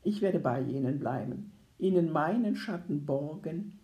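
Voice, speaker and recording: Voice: mid-range voice, expressive, measured pace, warm tone, natural voice, poor audio. A reader voicing a loyal, tender-hearted young male servant in a literary audiobook, speaking fervently and with devotion.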